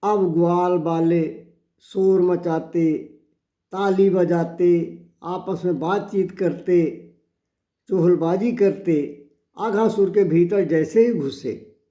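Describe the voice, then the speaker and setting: Slow, high-voiced male devotional storyteller. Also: steady tone, warm tone, roomy sound, dull audio. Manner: measured, reverent, storytelling.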